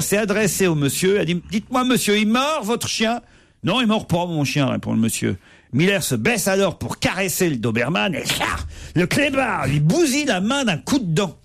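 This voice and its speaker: A man tells jokes on the radio with a high, wildly swooping voice and a gravelly rasp. He acts out each character in turn. The sound is close and dry, like a studio booth. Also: dry recording. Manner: animated storyteller, acts out characters. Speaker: radio show host telling jokes. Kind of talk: joke telling on radio.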